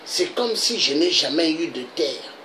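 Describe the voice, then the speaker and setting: A man's voice: on the high side, animated, measured pace, pushed and bright, slight background noise, low-quality recording. A man from the Congo, delivering an impassioned political monologue full of repeated rhetorical questions. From Republic of the Congo. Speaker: political video blogger.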